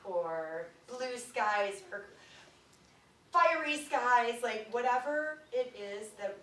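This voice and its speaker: A woman consultant leading a mindfulness workshop for families, gently guiding breathing and finger exercises and often dropping to a soft, near-whispered voice. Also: fairly high pitch, expressive, takes it slowly. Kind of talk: guided mindfulness practice for families. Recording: roomy echo, recorded from a distance.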